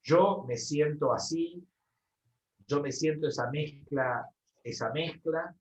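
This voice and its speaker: A man from Buenos Aires with a Rioplatense accent, teaching photography and answering a class question in a halting way, full of fillers and repeated words. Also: fairly high pitch, low-quality recording. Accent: Rioplatense Spanish. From Buenos Aires, Argentina.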